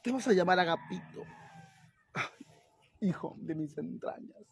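Casting: a man playing a crude, whiny young woman with a husky voice and a sighing delivery, for a comedy skit. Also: sits high, a little slow, heavily acted. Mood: fretful. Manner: whiny, sighing, keeps repeating "ay, hermanas". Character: crude, fretful young woman who thinks she's pregnant.

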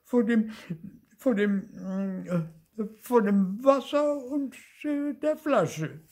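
Sobbing ghost girl, very high and quavering, voiced by an older man, slow, husky edge, storybook reading. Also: very animated, dark tone, full character voice. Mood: wailing scared. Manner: sobbing, whimpering, stammering. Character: timid wailing ghost girl, always scared.

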